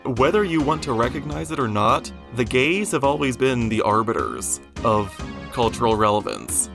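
A man's voice: mid-range voice, sing-song, moderate pace, creaky. Male co-host, dry and wry, chatting casually over faint music. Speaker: podcast co-host. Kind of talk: casual podcast chat.

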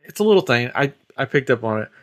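Talking fast in a sing-song, mid-range voice, this man hosts a podcast full of casual banter. He recounts events animatedly, performing small quotes and sound effects along the way.

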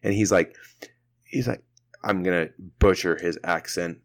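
A young man with a low voice co-hosts a casual podcast. He tells stories in a laid-back way and makes crude jokes. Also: steady tone, unhurried. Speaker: podcast co-host.

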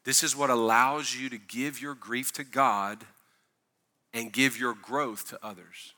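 Bright-voiced man preaching conversationally. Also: medium pitch, steady tone, a little slow. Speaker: pastor. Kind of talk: sermon.

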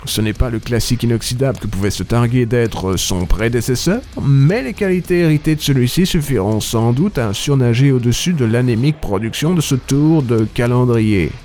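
A man's voice: mid-range voice, moderate pace, few pauses, a little mellow, slight background noise. A man narrating a scripted video game review in a dry, wordy and ironic manner.

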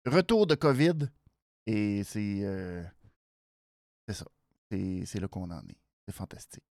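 A host with a nasal voice and a Quebec French accent gives a casual show recap, halting and repeating words for emphasis. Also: sits low, dry recording, studio quality. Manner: animated, hesitant, halting phrases with repeats for emphasis. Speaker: wrestling show review host.

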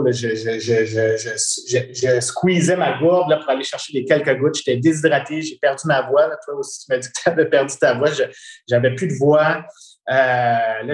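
A man with a Quebec French accent tells a long personal story as a guest, animated and often repeating words while he searches for the next one. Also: mid-range voice. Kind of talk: casual storytelling conversation. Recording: roomy echo.

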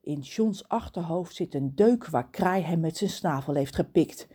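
Animated woman reading a children's story. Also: fairly low pitch, measured pace, breathy edge. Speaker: audiobook reader. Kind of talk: storybook narration.

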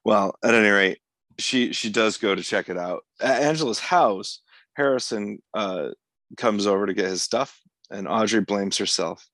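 A man's voice: on the low side, moderate pace, fairly bright tone, no echo. A man co-hosting a podcast, recapping the plot of a TV episode in long, casual runs and laughing easily. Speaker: podcast co-host.

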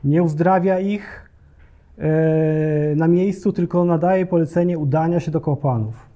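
A male preacher delivers a sermon in a church. His tone is earnest and direct, with a notably mellow, dark timbre and a slightly raised pitch. He pauses now and then with small hesitations. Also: lo-fi sound. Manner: earnest, addresses the congregation directly, occasional hesitation fillers.

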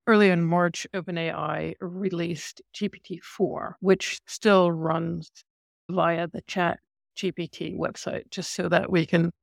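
Podcast host, gravelly fry in the voice, dry close sound, talks it through thoughtfully. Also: medium pitch, little pitch movement, unhurried, dry recording. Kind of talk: conversational explaining.

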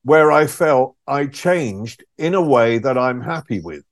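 A middle-aged English man with an English accent, a podcast guest who tells stories in a lively way, laughing often and acting out quotes. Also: medium pitch, measured pace, dry recording, studio quality. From England. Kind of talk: casual conversation.

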